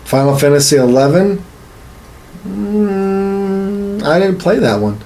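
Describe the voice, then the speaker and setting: A man in his thirties co-hosts a podcast from a small home studio room, chatting casually about games. His voice is high yet dark in tone, animated but slow, and his manner is crude, joking and profane.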